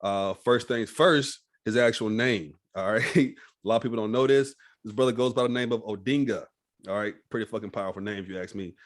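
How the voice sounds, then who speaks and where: A man's voice: lowish voice, fairly quick. A man hosting a podcast interview, laid-back and casual, often tagging "all right?" and swearing freely. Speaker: podcast host.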